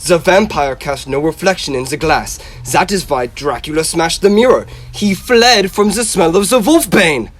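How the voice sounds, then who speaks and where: A man's voice: fairly high pitch, moderate pace, hardly any pauses, a bit bright, faint music behind. A young man in a radio drama playing a grave, insistent professor who hunts vampires, speaking in an emphatic, solemn, theatrical way. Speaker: actor in a school radio drama.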